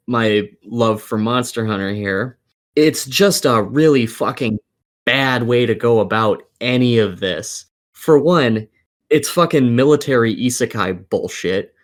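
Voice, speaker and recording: Medium-pitched and expressive, a man speaks at a measured pace while co-hosting a casual podcast. He's ranting about games and films, swearing and sounding exasperated and emphatic.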